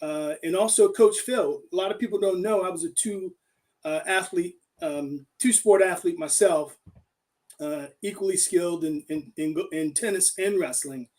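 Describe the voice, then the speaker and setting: A man's voice: high-pitched, a little mellow. Man in his fifties reminiscing, mic distant. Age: 50s. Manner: reminiscing, halting with many fillers. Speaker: guest, former coach.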